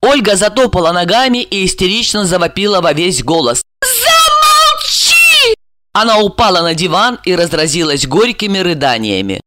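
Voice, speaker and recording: A woman narrating a novel as an audiobook reader, measured and expressive. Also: on the low side, noisy background. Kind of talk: scripted narration.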